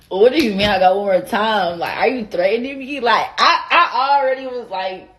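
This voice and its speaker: Animated Atlanta woman ranting. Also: on the high side, moderate pace. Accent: Atlanta Southern American. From Atlanta, USA. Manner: animated, profane, acts out both sides of the argument. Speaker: vlogger. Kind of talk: casual storytime rant.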